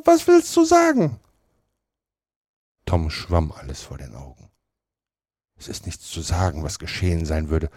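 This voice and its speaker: A man reading a classic novel aloud in a measured, expressive storytelling manner. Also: sits low, husky, dry recording, studio quality. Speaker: storybook reader.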